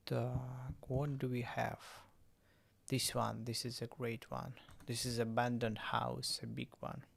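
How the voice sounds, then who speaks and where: A man streaming a drone-flying game, chatting casually in halting English. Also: mid-range voice, flat delivery, vocal fry. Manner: halting, self-correcting non-native English.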